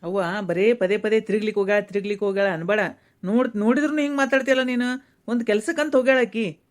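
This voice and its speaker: A woman voicing a patient young married man in a cartoon, reasoning gently with his mother. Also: mid-range voice, steady tone, fast, close to an everyday voice. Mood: calm. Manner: pleading, reasoning, soothing. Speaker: voice actor. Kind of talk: cartoon voice acting.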